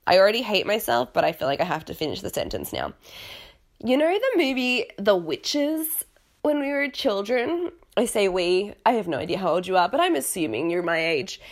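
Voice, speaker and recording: Dramatic, gossipy woman podcaster. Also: mid-range voice. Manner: rambling, gossipy, self-deprecating; dramatic, exclamatory. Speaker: podcast host. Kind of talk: casual chatty reality TV recap.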